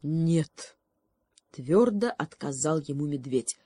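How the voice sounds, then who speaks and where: Low-voiced woman reading a storybook. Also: expressive, moderate pace, warm tone, no echo. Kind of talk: storybook narration.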